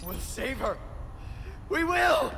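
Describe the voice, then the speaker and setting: High-voiced, animated young American superhero. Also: male voice, takes it slowly, very noisy, exaggerated voice. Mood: desperate, determined. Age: young adult. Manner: emphatic, quippy, urgent. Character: Peter Parker, impulsive wisecracking young superhero, earnest and stubborn. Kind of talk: video game voice acting. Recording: loud music over the voice.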